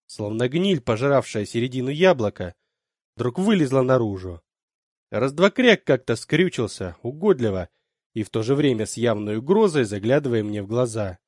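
A man reads a science-fiction war story aloud in the first person, his pitch rising and falling with animated expression. His medium voice sounds close and dry, with no room around it. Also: moderate pace, dry recording. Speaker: audiobook narrator. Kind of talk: first-person audiobook narration.

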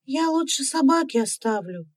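A woman voices an earnest, serious little village girl, pitching her high voice above her own natural register. The delivery has lively intonation at normal speed, recorded at studio quality with no room sound.

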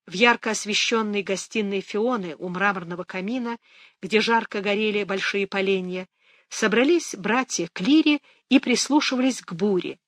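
A narrator reading a novel aloud in a measured, dramatic audiobook style, recorded close to the mic. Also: medium pitch, fairly bright tone, no room sound.

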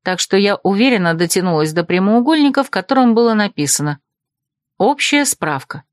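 Woman narrator for a first-person audiobook; lively and wry, mid-pitched, dry studio sound. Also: quick pace, dry recording. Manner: lively, expressive, wry inner monologue.

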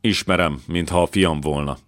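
A man's voice: low voice, natural voice. A male narrator voicing an old king who is anxious and bitter, raising his voice sharply in his orders. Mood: wistful. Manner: raises his voice sharply in his outbursts.

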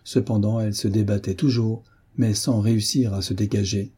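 Husky dark-voiced man reading a novel. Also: lowish voice, steady tone, normal speed. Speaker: audiobook narrator. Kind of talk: scripted narration of a novel.

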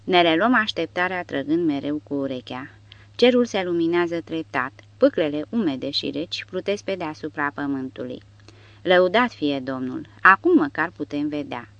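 A woman narrating an audiobook in a dramatic, expressive reading style. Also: low-pitched, no echo. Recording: dull dry recording.

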